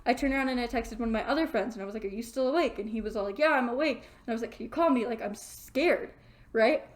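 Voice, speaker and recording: A young woman vlogs from her bedroom, telling a long story in a casual, rambling way. Her voice sits a little high. She trips over restarts and leans on filler words as she goes. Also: very fast. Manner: rambling, animated, lots of fillers like "like". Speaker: vlogger.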